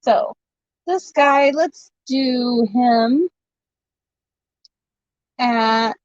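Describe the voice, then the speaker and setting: A woman's voice: a little high, drawn-out words, no room sound. Giggly woman selling on a live stream. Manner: chatty, giggly, laughs often. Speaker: host of a live online vintage sale. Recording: dull lo-fi stream audio.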